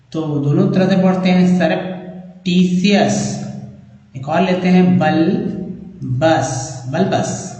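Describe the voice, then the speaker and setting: Guy teaching english words, says each one slow over and over, really echoey room. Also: fairly high pitch, darkish tone, highs cut off. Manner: spells out words slowly, repeats each many times. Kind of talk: pronunciation lesson. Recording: very echoey room, long reverb.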